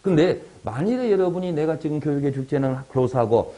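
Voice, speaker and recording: A man's voice: on the high side, lively intonation, brisk, mellow. A middle-aged man giving an exam-prep lecture, digressing into chatty stories and anecdotes.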